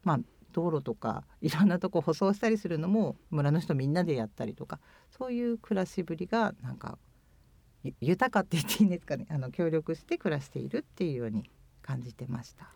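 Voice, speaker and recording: A woman's voice: sits low, lively intonation, quick pace, vocal fry, warm tone, no room sound. A woman in her fifties from Japan, answering interview questions in a thoughtful, hesitant way with many fillers. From Chiba, Japan. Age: 50s. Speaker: guest, former overseas volunteer.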